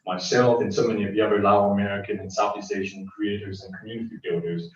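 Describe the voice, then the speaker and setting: A man acting as guest host, introducing a poet on stage in a halting way, with many restarts. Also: lowish voice, level tone, very echoey, far from the mic, dull audio. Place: live poetry event venue.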